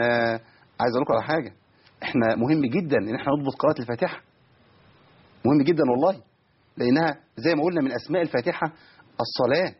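A man with an Egyptian Arabic accent teaching Quran recitation on a radio call-in, patiently correcting callers and slowly demonstrating pronunciation. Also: medium pitch, breathy edge. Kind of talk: live radio call-in lesson. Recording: dull lo-fi radio broadcast.

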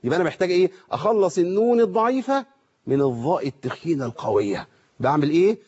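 A man with an Egyptian accent teaches recitation in a quick, questioning manner and slows down sharply to model each word. His voice is husky and slightly high for a man. The audio sounds muffled, like a broadcast. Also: expressive, a little mellow. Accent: Egyptian Arabic. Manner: asks rhetorical questions, demonstrates pronunciation slowly. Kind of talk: televised lesson.

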